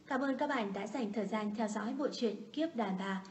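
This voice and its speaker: A woman's voice: fairly high pitch, normal speed, far from the mic, slight background noise. A woman channel host welcoming listeners and introducing a new story in a friendly, announcing way.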